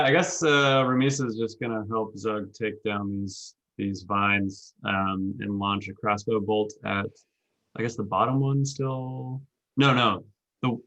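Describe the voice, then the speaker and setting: A man's voice: fairly low pitch, a bit bright, low-quality recording. A man playing a tabletop game, describing his character's actions and thinking aloud. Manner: hesitant, thinks aloud with fillers. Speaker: player.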